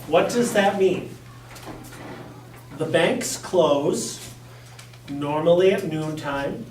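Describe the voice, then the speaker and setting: A man's voice: fairly high pitch, a little mellow, recorded from a distance, slight background noise. A man giving an informal training talk to a room of volunteers, blunt and joking, with emphatic asides. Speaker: workshop presenter. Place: community center meeting room. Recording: echoey room, picked up from afar.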